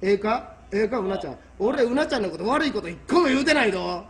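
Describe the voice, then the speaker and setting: A man with a Kansai Japanese accent in a heated argument, speaking in a rough, menacing, confrontational yakuza-like drawl. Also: sits high, expressive, fast talker, crowd noise.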